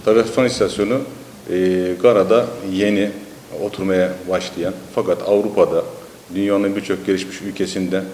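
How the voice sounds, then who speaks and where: A man's voice: fairly even intonation, moderate pace, a little mellow. A man from Turkey with a Turkish accent, a managing director answering in an interview. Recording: echoey hall, faint rumbling noise.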